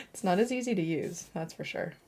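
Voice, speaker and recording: A young woman talks through her painting in a loose, self-mocking way, thinking out loud and trailing off between strokes. Her voice sits a little low for a woman, casual and unscripted. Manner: chatty, self-mocking, thinking aloud with laughs. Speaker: watercolour artist.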